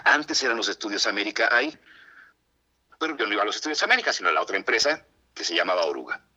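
Animated Mexican man telling stories. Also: on the low side, quick pace, slightly rough. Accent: Mexican Spanish. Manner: animated, acts out quoted voices. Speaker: guest voice actor. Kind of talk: radio interview storytelling.

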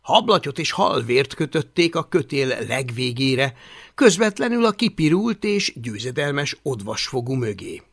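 A man narrating an audiobook in an expressive storytelling manner. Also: mid-range voice, husky. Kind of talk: scripted narration.

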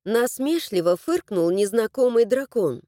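A woman narrating a first-person fantasy audiobook in an expressive storytelling manner. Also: a little high, unhurried, no room sound, clean studio sound.

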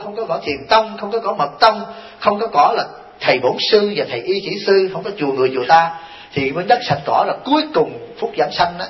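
A man, a Buddhist monk giving a folksy, joking dharma talk full of rhetorical questions. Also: high-pitched. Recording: dull lo-fi recording.

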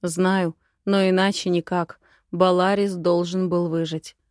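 A woman's voice: on the low side, little pitch movement, measured pace, darkish tone, dry recording, natural voice. Steely male dragon prince, voiced by a woman narrator, firm and cool, dry close read. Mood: calm.

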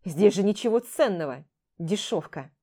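A woman reader playing a jittery, bookish young man who is scared of heights, speaking in a grumbling, reluctant way. The voice sits in a mellow, middle range for this storybook hero. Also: medium pitch, lively intonation, normal speed, natural voice. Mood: dismissive.

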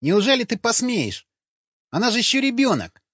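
A man reading an audiobook, voicing an indignant, hot-tempered man who shouts and scolds in agitation. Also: extremely high pitch, big pitch swings, normal speed, slightly rough, dry recording, pitched above the performer's own voice, heavily acted. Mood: outraged. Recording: dull lo-fi recording.

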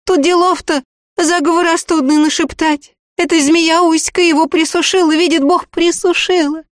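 A woman voicing a young peasant girl who pleads tearfully in a high, quick voice. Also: fairly even intonation, no echo, clean studio sound. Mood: pleading.

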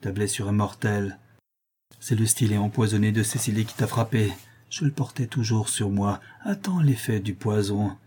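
A man's voice: lowish voice, moderate pace, dark tone, slightly rough. A man voicing a delirious middle-aged notary who rants feverishly and then turns to cold menace.

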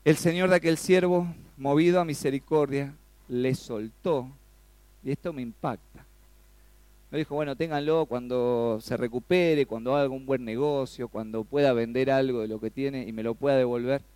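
A man preaching a sermon, animated, often asking his congregation questions and rising sharply when he acts out a plea. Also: medium pitch, normal speed, clear, resonant tone, dry recording. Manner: animated, rises sharply when acting out pleas.

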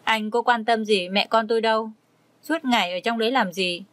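A woman's voice: fairly high pitch, moderate pace, fairly bright tone, dry recording, lightly acted. Sulky pregnant young wife, accusing tone, dry close read by a woman storyteller.

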